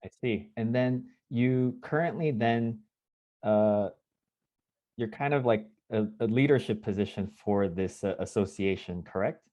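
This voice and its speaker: A man born in Korea, interviewing a guest over a video call in a measured, conversational way. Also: fairly low pitch, dark tone. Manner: measured, self-correcting, conversational.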